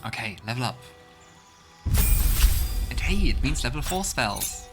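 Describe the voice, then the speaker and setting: In casual let's play commentary, a man thinks aloud and reads game text as he goes, his mid-range voice swinging widely in pitch at a measured pace. Video game music plays behind him.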